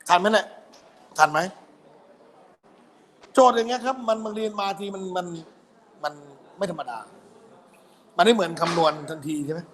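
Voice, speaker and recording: A man's voice: high voice, normal speed, pauses often, fairly bright tone. A man tutoring physics for an exam review, walking through problems and checking often that students keep up. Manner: quizzing students with constant "got it?" checks.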